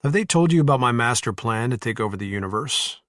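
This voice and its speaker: A man's voice: medium pitch, expressive, fast talker, fairly bright tone, no echo, natural voice. A man voicing a tough ex-soldier in an audiobook, blunt and teasing in a dry way. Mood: wry teasing. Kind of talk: audiobook character voice.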